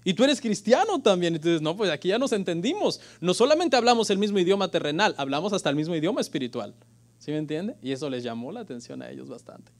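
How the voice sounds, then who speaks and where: A middle-aged man, preaching a lively sermon in church and joking with the congregation. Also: a little high, quick pace, creaky. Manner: lively preaching, addressing listeners as "hermano"; jokes with the congregation. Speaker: pastor.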